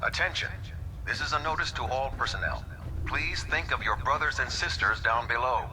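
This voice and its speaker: A man's voice: mid-range voice, normal speed, sharp tone, a little hiss or hum, low-quality recording. A man voicing a military base intercom announcer, reading stiff, formal notices over a PA system. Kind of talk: video game voice acting.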